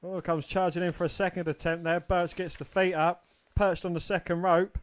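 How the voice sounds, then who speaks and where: Slightly high-voiced man calling moves. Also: flat delivery, moderate pace. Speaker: podcast co-host. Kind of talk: wrestling commentary.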